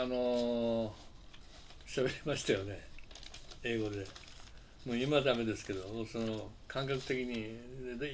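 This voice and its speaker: A man, an English conversation teacher talking casually to camera in a rambling, halting way full of fillers and restarts. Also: medium pitch, a little hiss or hum. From Japan. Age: 60s.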